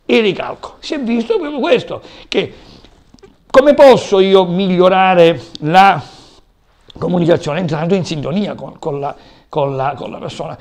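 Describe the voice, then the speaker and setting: A man's voice: high-pitched, measured pace, darkish tone. A man lecturing a class on communication, explaining term after term with frequent hesitations.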